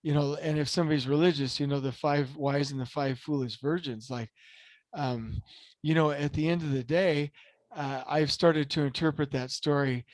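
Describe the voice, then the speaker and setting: Brief: male podcast host, slightly high voice, earnest and rambling, dry close sound. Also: fairly even intonation, moderate pace, dry recording. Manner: earnest, rambling, with many restarts and fillers; grows impassioned and emphatic. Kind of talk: casual motivational podcast talk.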